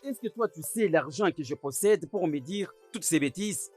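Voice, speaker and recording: A proud, rich old man who courts a much younger woman, his voice sitting a little high for his age. He blusters and brags about his money, then turns soft and pleading. Faint film music plays underneath the dub. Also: expressive, normal speed, slightly rough. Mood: scornful. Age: older. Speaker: wealthy suitor.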